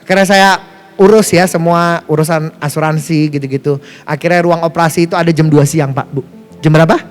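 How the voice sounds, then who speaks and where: A high-pitched male pastor with a lilt tells a story from the pulpit, chatty and playful. He keeps asking the congregation questions and jumps up in pitch to act out other voices. Soft music plays faintly behind him in the church. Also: fairly even intonation, a little fast. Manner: acts out quoted voices with sharp pitch jumps. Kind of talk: sermon storytelling.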